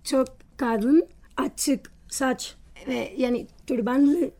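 A young Spanish woman in her 20s from Valencia speaks as a guest in a personal interview, using slow, halting, broken Turkish full of grammar slips and self-corrections. Her voice is high-pitched but dark in tone.

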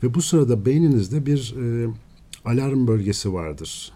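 Man explaining science in a dark voice. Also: mid-range voice, measured pace. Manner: steady, lecturing explanations. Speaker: neuroscientist guest. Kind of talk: explanatory radio interview.

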